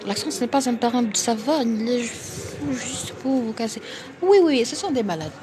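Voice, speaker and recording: A woman's voice: on the high side, lively intonation, normal speed, background noise. A woman from Morocco with a Moroccan accent, talking straight to her live-stream viewers. She is insistent and blunt, hammering her points home with short, repeated phrases, and her voice sounds a little tired. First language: Arabic. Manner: emphatic, forceful, repetitive. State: a bit tired. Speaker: doctor hosting a live stream.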